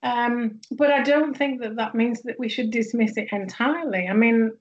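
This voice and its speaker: In an academic interview, a guest sociologist from northwest England talks reflectively in a Northern English accent, full of fillers and restarts. She has a slightly high voice at a moderate pace, and the audio has its highs cut off.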